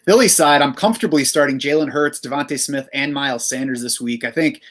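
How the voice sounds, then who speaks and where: Man with a mid-pitched voice. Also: a little fast, fairly bright tone. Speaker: fantasy football analyst. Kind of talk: casual podcast chat.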